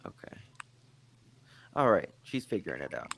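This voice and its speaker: A man's voice: low voice, sing-song, normal speed, gravelly, fairly bright tone. A man hosting a casual live stream, patiently walking a guest through steps. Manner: gives patient step-by-step directions to a guest.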